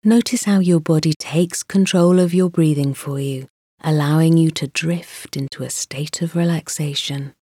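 A woman guiding a sleep meditation, speaking softly and soothingly and often dropping into a whisper. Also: low-pitched, husky, no room sound, studio quality. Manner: slow, soft, soothing, drifting into whispers. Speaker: meditation guide.

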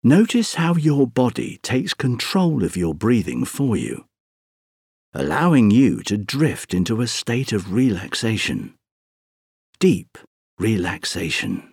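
A man narrating a scripted guided sleep meditation, speaking softly and breathily in a soothing, gentle, unhurried way with long pauses. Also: lowish voice, very animated, slightly rough, dry recording, studio quality.

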